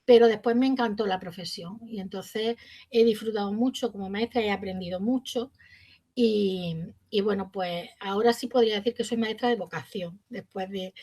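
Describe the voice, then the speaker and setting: A woman's voice: fairly high pitch, mellow. Storytelling woman teacher. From Spain. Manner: storytelling, acts out quoted dialogue. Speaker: primary school teacher. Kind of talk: reflective interview answers.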